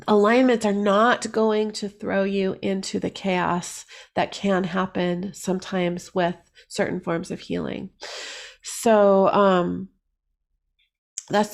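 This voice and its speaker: Gravelly-voiced woman teaching energy healing. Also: mid-range voice. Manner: rambling, many fillers and restarts. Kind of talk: casual solo talk to camera.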